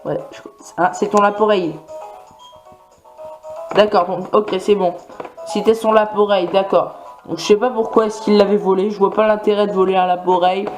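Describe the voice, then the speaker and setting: A man's voice: sits high, steady tone, normal speed, soft background music. A man doing casual gameplay commentary, rambling along with many fillers and restarts. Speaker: video game let's player.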